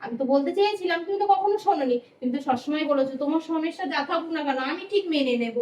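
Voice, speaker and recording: A woman playing a bold, self-assured new bride who talks brashly and fast, in a comedy skit. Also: sits high, expressive, darkish tone, low-quality recording. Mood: defiant.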